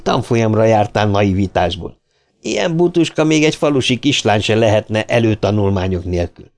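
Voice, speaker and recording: A man's voice: mid-range voice, creaky, darkish tone. A man voicing a sarcastic, complaining male astronaut who mocks his partner with indignation. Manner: mocking, indignant.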